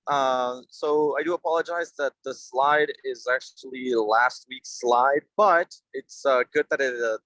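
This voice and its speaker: A man giving a casual, halting meeting update over a call from his car while driving. He apologizes often and checks that he can be heard. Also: mid-range voice, a bit bright, dry recording, poor audio. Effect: calling in from a car while driving. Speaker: sub-team member giving an update.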